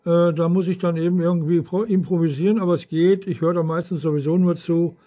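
Quick and warm, a slightly high male voice with fairly even intonation chats on ham radio, wandering from topic to topic and adding tag questions as he goes.

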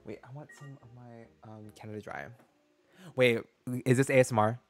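A young man chatting casually while streaming a game, animated and full of slang. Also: medium pitch, normal speed, soft background music. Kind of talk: casual gaming stream chat.

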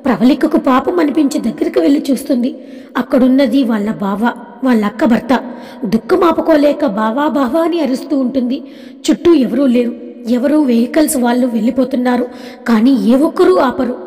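A woman narrating an audiobook story in a steady, plain storytelling way. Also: high-pitched, fairly quick, big-room sound.

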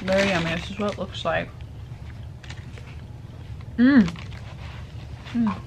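A young woman vlogs while traveling, talking cheerfully into a handheld camera or phone from the car and outdoors, with lots of fillers. Her voice is mid-range, slow and gravelly. The handheld recording is noisy, with car noise.

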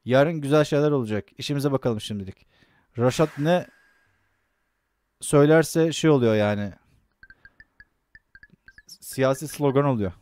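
A man's voice: mid-range voice, a little slow, pauses often, darkish tone. Male streamer, casual let's-play chatter, reads game text aloud, faint game music underneath. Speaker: gameplay streamer.

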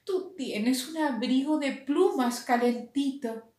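A woman's voice: high voice, takes it slowly, darkish tone. Sapo, a shivering grumbling toad, as a woman reads him. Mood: complaining. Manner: plaintive, grumbling. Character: cold, shivering, complaining male toad. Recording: roomy echo.

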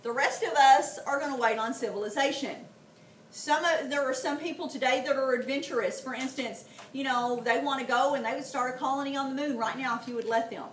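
A woman's voice: sits high, brisk. A middle-aged woman, teaching a classroom history lesson and telling stories, often checking in with the students. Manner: animated storytelling, frequent "okay?" check-ins with students. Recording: roomy, from a distance, faint background noise.

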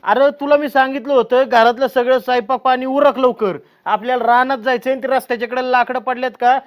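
A man's voice: very high-pitched, fairly even intonation, fast talker, no echo. An actor playing a bossy village husband who nags and barks repeated orders at his wife. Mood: nagging. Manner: nagging, barking orders, repeats words. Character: bossy scolding village husband, middle-aged. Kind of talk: village short-film acting.

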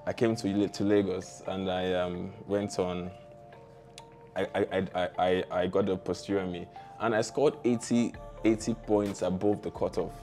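This young adult guest, a tech founder with a Nigerian accent, casually recounts stories with informal slang while seated in a small curtained studio. His deep voice is level, darkish and measured, backed by soft music.

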